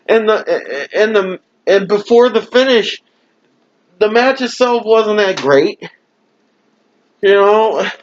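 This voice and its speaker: A man rants in a fairly high voice, dragging out his words slowly and swearing at almost every turn. He sounds fed up and throws in mocking laughs. The sound is dull and lo-fi, like a cheap mic at home. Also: expressive, slight background noise. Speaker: wrestling show reviewer. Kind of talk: profane ranting review. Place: home room.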